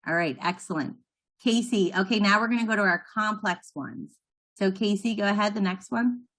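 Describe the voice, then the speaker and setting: A woman's voice: mid-range voice, normal speed, fairly bright tone. A woman leading a training session, explaining patiently and encouraging the trainees. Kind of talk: instructional talk to trainees.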